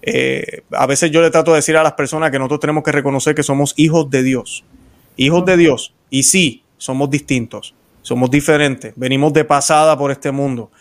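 With a fairly high, fairly evenly inflected voice at normal speed, a warm-hearted Puerto Rican host leads a faith interview show. He wanders in his talk and frequently starts sentences over.

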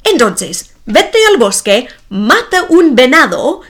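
A woman voicing an insolent, impatient boy who shouts his demands in a shrill voice. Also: big pitch swings, slow, breathy edge, exaggerated voice. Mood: demanding.

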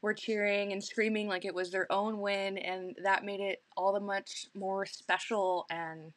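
A woman's voice: mid-range voice, flat delivery, a little slow, dry recording. A young adult woman, a pageant titleholder, chatting earnestly as a podcast guest, full of little fillers. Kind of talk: casual podcast chat.

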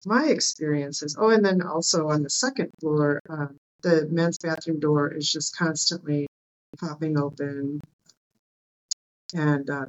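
Woman with a low voice chatting as a podcast guest, hesitant storytelling, bit muffled. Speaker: interview guest, bartender. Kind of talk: casual personal storytelling.

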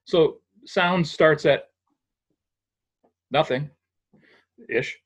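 A sound engineer with a slightly high voice speaks very slowly, patiently explaining audio equipment in a casual, technical chat. He often restarts his sentences.

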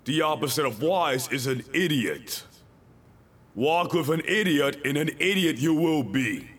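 A man's voice: a little high, expressive, a little slow, fairly bright tone, slightly rough. A male pastor preaching a sermon, emphatic and repeating his key lines, with joking asides to the congregation.

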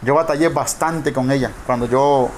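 A middle-aged male pastor preaching a sermon, emphatic and drawing out key words slowly. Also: mid-range voice, fairly even intonation, slight background noise.

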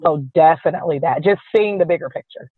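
A woman from the southern United States with a hoarse, raspy voice, speaking conversationally as a podcast guest. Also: sits low, quick pace, no room sound. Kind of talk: conversational interview. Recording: thin phone-like line.

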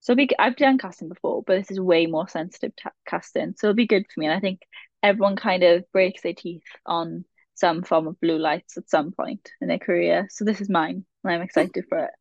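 Brisk and gravelly, this lowish-voiced Welsh woman in her 20s from the Valleys is a chatty, rambling podcast guest who laughs at herself. The casual chat is recorded with no room sound, dry and a bit muffled.

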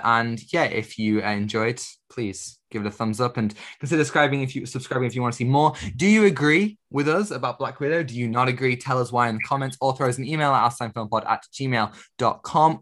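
A man's voice: medium pitch, fairly bright tone. A young man, co-hosting a film podcast in a rambling, self-correcting way. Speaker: podcast co-host. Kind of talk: casual chat.

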